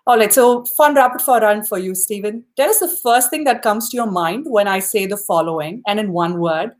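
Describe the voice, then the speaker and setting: Speaking fairly quickly at a medium pitch, a female podcast host keeps her live interview chat casual. She sounds upbeat, encourages her guest warmly, and fills her sentences with "you know."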